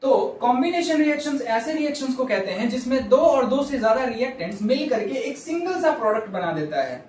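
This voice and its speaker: A man's voice: extremely high pitch, sing-song, fairly quick, few pauses, a little mellow, a little hiss or hum. A male science teacher lecturing at the board, repeating key terms and asking and answering his own questions. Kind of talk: classroom lecture. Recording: very echoey room, mic far off.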